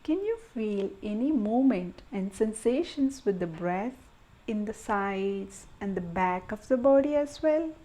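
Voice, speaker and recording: This woman leads a meditation very slowly, offering short phrases separated by pauses. Her voice is soft, soothing, mellow and warm, with a middle pitch for a woman and an expressive quality. The recording is low quality.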